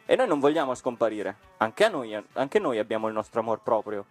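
A man's voice: medium pitch, very animated, fairly quick, faint music behind. A man reading a storybook and voicing a gang of rowdy schoolboy bullies, scornful and threatening.

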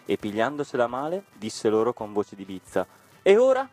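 Male storybook narrator, expressive, dry close sound. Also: lowish voice, moderate pace, no echo, faint music behind. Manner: lively, expressive reading. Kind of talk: storybook reading.

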